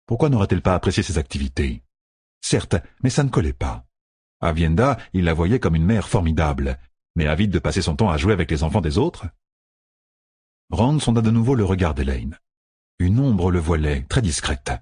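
Very husky deep-voiced male narrator. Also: sing-song, normal speed, a little mellow, dry recording. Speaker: audiobook narrator. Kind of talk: scripted narration. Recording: dry close recording.

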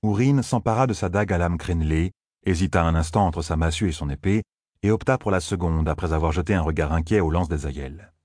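A man narrating an audiobook in a steady, measured reading voice. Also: deep voice, breathy edge, no room sound, studio quality.

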